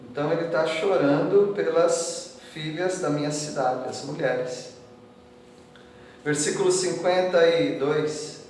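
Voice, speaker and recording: A man's voice: fairly high pitch, slow pace, a little mellow, a little hiss or hum. A man, a pastor with a Brazilian Portuguese accent, preaching an expository sermon in a conversational way, often tossing little questions to the congregation and lifting his voice to read scripture aloud. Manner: reads scripture verses aloud with rising emphasis. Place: church hall. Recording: echoey church hall from far off.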